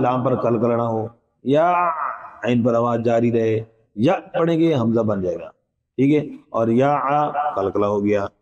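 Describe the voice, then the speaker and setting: In a lo-fi recording, a man with a mid-range, slightly mellow voice leads a recitation pronunciation class. He goes letter by letter with patience, asks the students questions, and occasionally chants verses in a long, melodic tone.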